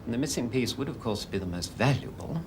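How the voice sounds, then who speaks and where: An actor playing a haughty, demanding victim. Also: male voice, medium pitch, expressive, fast talker, noisy background, close to an everyday voice. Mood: indignant. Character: indignant male theft victim demanding answers. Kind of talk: 1990s British TV police drama.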